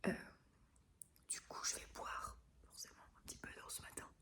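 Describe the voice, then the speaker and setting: Lady vlogger whispering, chatty and happy, no voice just breath. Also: normal speed. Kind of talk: whispered morning vlog update.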